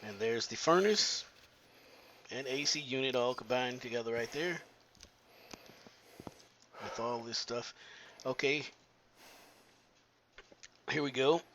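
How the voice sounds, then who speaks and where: A man of ordinary, mid-range pitch talks through a plumbing job in a how-to video. He speaks haltingly and keeps stopping to fill pauses as he works in a tight attic crawl space. A faint hum of ambience sits under his voice. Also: fairly bright tone. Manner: halting, with many filler pauses. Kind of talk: how-to narration while working.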